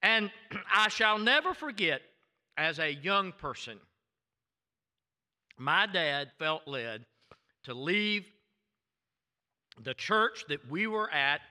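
An older man with a thick Deep South American accent, preaching in a folksy, emphatic, storytelling way as a pastor. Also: expressive, slow, long pauses, sharp tone, clear, resonant tone. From southern United States. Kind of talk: sermon. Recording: reverberant hall sound.

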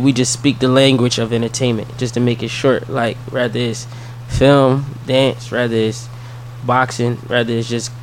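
A man from South Philadelphia with a Philly accent, a guest in a casual interview, speaking softly and easily with lots of ums. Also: medium pitch. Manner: soft-spoken, relaxed, with many fillers. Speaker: guest, entrepreneur and youth mentor. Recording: faint background noise.

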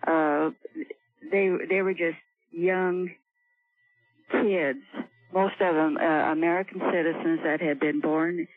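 An older woman calling in to a radio show over the phone, speaking softly and hesitantly. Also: sits low, steady tone, takes it slowly, dry recording. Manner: soft-spoken, hesitant. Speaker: caller. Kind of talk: call-in radio talk. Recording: tinny phone line, dry.

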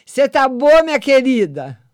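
Very animated and high-pitched, this older host speaks at a measured pace in a darkish tone, affectionately addressing callers as "my lovely" while offering readings on her casual live call-in show. The sound is studio quality with no echo.

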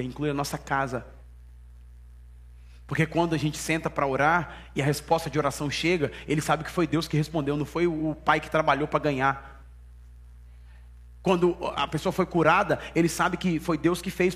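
A man's voice: a little high, normal speed. A man preaching a sermon, telling stories and acting out dialogue. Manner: animated storytelling, acts out dialogue. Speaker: pastor.

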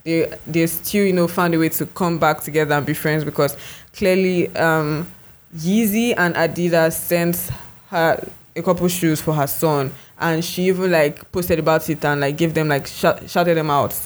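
A co-host chats loosely through a podcast, trailing into fillers and restarting thoughts as they go. The voice sits at a middling pitch, neither high nor low. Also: fairly even intonation, moderate pace. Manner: rambling, heavy use of "like" and restarts. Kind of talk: casual podcast chat.

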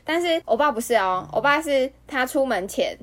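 Woman, Taiwanese Mandarin accent, fairly high voice, casual chat, expressive storyteller, podcast co-host. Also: moderate pace.

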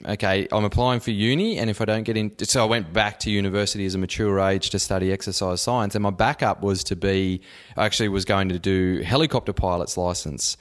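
A man's voice: lowish voice, fairly even intonation, brisk. A man with an Australian accent, hosting a podcast in a casual, conversational interviewing style. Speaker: podcast host.

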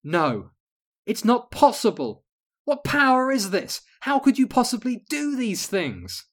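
A man's voice: sits high, animated, takes it slowly, voice pushed up. A man voicing an imperious young witch queen who plays the melodramatic villain. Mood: stunned. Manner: melodramatic, gloating, shouting commands.

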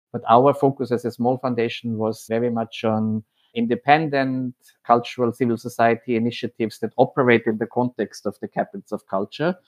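A man from Austria, head of programs at a foundation, speaking in a measured, explanatory way with occasional hesitations. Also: medium pitch, darkish tone. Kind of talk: podcast interview monologue.

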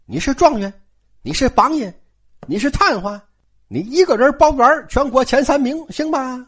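A woman's voice: high-pitched, lively intonation, moderate pace, breathy edge, voice pushed up. A woman storyteller voicing a young noble wife who teases and scolds her stubborn sister-in-law in exasperation. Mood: exasperated. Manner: exasperated, teasing.

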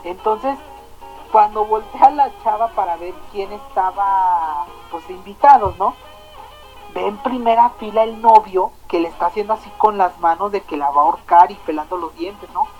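Mexican lady on the radio, slangy and animated, kinda muffled sound, soft music behind. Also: mid-range voice, moderate pace. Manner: chatty, slangy, animated storyteller. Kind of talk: casual storytelling chat.

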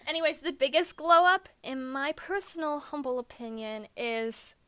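A young woman co-hosting a casual podcast, gushing about music like an excited fan. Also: sits high, moderate pace. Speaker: podcast co-host. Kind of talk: casual chat.

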